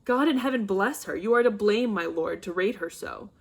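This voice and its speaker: A woman's voice: medium pitch, normal speed, gravelly. A woman reading a chatty older servant woman, plain and matter-of-fact. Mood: coaxing.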